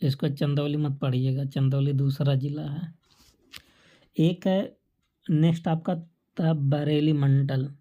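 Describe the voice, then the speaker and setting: A woman's voice: sits low, steady tone, slow, pauses often, warm tone, lo-fi sound. A woman teaching an exam-prep lesson, asking questions and answering them herself while repeating the key facts to memorize. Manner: quizzes listeners and answers her own questions.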